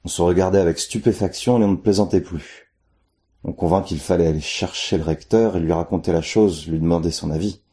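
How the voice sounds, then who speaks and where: A man narrating a folk tale in the first person, in a measured, steady telling. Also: low-pitched. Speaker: storyteller.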